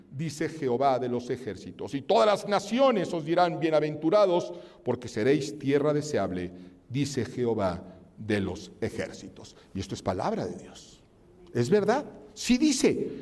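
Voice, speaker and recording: A man's voice: on the high side, big pitch swings, normal speed, a little mellow, in a large hall. A male pastor, preaching an emphatic sermon and reading scripture aloud.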